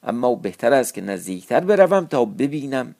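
A man voicing a loyal, devoted male innkeeper in a classical storybook tale, in a gravelly voice. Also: medium pitch, big pitch swings, a little mellow. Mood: earnest.

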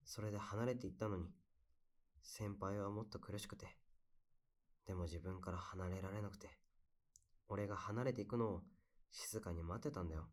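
A young man playing a heartbroken guy who softly confides about lost love in casual, wistful, intimate pillow talk. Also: low-pitched, normal speed, pauses often, natural voice. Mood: aching, confiding. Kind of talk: intimate pillow-talk audio role-play.

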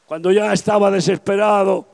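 Gravelly high-voiced Spanish preacher in his 70s. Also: fairly even intonation, moderate pace. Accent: Spanish from Spain. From Spain. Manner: impassioned, swings from soft confiding to shouting. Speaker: pastor. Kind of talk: open-air evangelistic sermon. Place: outdoors at a campaign event.

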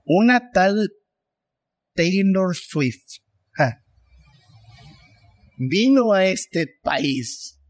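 A man's voice: high voice, sing-song, extremely slow, pauses often. A man preaching a sermon, emphatic and full of rhetorical questions. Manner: emphatic, rhetorical questions, acts out voices of others.

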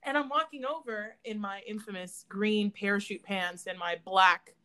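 A young woman co-hosting a casual podcast, telling high school stories with laughter and acted-out voices. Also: normal speed, smooth. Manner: animated, laughing, acts out voices in her stories. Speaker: podcast co-host. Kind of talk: casual storytelling chat.

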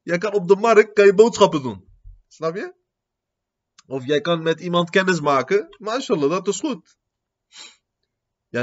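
A man teaching a religious lecture in Dutch. He mixes in Arabic terms, uses non-native grammar, and keeps asking rhetorical questions. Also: fairly high pitch. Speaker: Islamic teacher giving a lecture. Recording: dull lo-fi lecture recording.

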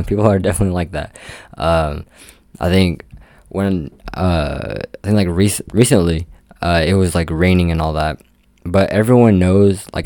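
Young dude rambling about his job, deep voice, says like a lot, dry sound. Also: a little mellow, dry recording. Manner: rambling, heavy use of "like" fillers. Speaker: amusement park game attendant. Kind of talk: casual storytelling vlog.

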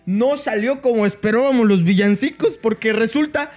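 A man's voice: very high-pitched, normal speed, darkish tone, faint music behind. A young Mexican man hosting a casual comedy podcast, talking in crude, teasing slang. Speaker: podcast host. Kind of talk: casual comedic banter with improvised rapping.

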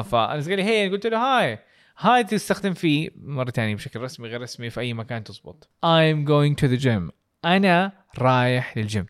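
A man's voice: medium pitch, clean tone, no room sound, clean studio sound. A man co-hosting a casual podcast lesson, explaining English phrases through many examples and acting them out with exaggerated intonation. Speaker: podcast co-host teaching English.

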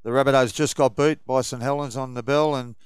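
A man's voice: medium pitch, fairly even intonation, a little fast, smooth, dry recording, clean studio sound. An Australian man co-hosting a sports radio show, chatting in a colloquial, matey style. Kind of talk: casual sports chat. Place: radio studio.

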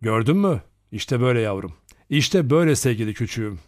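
A man doing a soft-spoken, tender lodger. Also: medium pitch, animated, brisk, no room sound, studio quality, lightly acted. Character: gentle, kind, lonely middle-aged male lodger.

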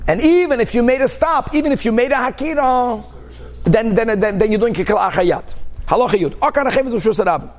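A man with a high-pitched voice teaches a religious class as a rabbi. He reads from a text and explains it informally, using examples, repetition and rhetorical questions to make each point. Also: fairly quick. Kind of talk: religious text lesson, reading aloud and explaining.

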